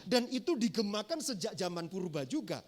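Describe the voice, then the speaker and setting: A man with a fairly high voice delivers a church sermon. He teaches in a measured, deliberate way, pausing often and reaching for words with fillers. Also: sing-song. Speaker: pastor. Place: church sanctuary.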